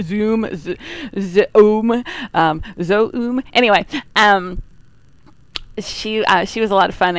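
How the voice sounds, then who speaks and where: A woman hosting a game livestream in casual, unscripted chat, talkative and self-deprecating, with a clear, smooth voice. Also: mid-range voice, a bit bright.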